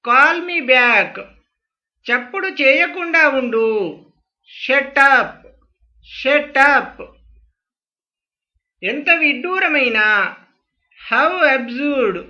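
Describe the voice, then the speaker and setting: Teacher voice, high-pitched, very slow, each phrase repeated twice, sharp bright tone. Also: lo-fi sound. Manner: says each English phrase twice, slowly and clearly. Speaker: spoken English teacher.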